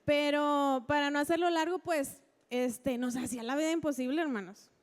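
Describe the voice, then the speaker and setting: A woman's voice: high voice, moderate pace. A woman giving a personal testimony to a church congregation, chatty and full of fillers. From Mexico. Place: church service.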